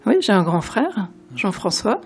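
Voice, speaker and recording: Low, creaky-voiced woman in conversation. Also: very animated, a little slow. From Belgium. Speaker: interview guest, entrepreneur. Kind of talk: casual interview conversation.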